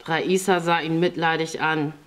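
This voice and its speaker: A woman narrating a novel as an audiobook reader in a steady, plain storytelling manner. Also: low-pitched, unhurried. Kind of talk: scripted narration.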